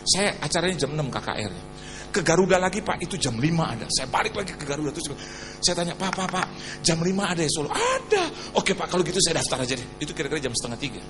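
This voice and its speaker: Animated pastor guy telling stories in a sermon, high lively voice, big echoey hall with crowd noise. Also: fast talker. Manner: animated, acts out quoted voices, swings from low murmur to loud calls. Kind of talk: preaching with storytelling.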